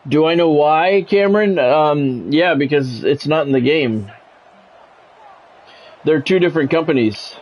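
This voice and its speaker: With a somewhat high, slightly mellow voice, a middle-aged man announces a football game live on stream, sounding like a practiced sportscaster while tossing in casual asides. He talks a little slowly with long pauses, and the recording quality is low.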